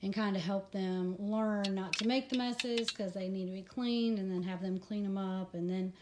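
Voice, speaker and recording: A woman hosting a ministry video, slightly out of breath, giving a personal devotional talk in a conversational, halting way with many fillers. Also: medium pitch, steady tone, noisy background. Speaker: ministry host.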